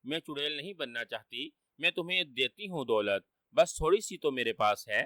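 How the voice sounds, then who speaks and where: Man putting on a flustered wife, all frantic pleading, bright voice. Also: mid-range voice, animated, dry recording. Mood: panicked. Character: panicky flustered young wife.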